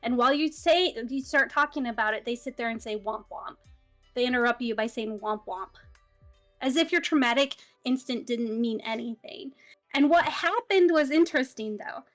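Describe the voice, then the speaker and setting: A woman in casual chat, retelling a story in an animated way with laughs. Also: high voice, a little fast, faint music behind.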